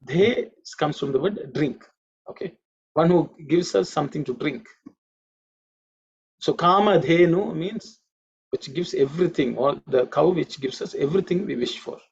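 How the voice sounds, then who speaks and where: A man's voice: on the high side, moderate pace, gravelly, husky. A man teaching a Sanskrit class online, patiently repeating each word's pronunciation and explaining its meaning. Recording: dull lo-fi audio.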